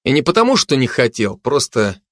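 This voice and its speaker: A man reading a story aloud as narrator in an expressive, animated way. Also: mid-range voice, brisk, no room sound, clean studio sound. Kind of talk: audiobook narration.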